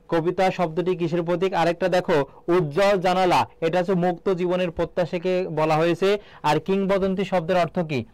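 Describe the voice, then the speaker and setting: A man's voice: sits high, fairly even intonation, moderate pace, a little mellow, dry recording. A man from Bangladesh teaching an exam-prep lesson, asking questions and then repeating the answers to drill them in.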